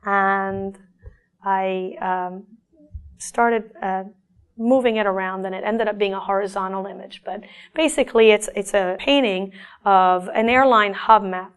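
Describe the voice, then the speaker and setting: A middle-aged woman artist from Argentina, talking about her own paintings in a thoughtful, halting way with frequent restarts. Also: medium pitch, fairly even intonation, clean tone.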